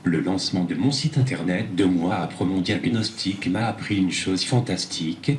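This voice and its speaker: Deep synthetic male text-to-speech voice. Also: moderate pace. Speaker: interview guest. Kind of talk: prepared answers read by speech synthesis. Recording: echoey room sound with faint noise.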